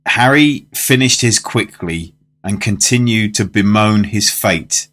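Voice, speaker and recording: In a fan-made radio drama, an older British man plays a genteel diner who reflectively narrates a macabre tale, mixing first-person narration with dialogue in a courteous, literary manner. His voice is lowish, slow and a bit bright, with music running underneath.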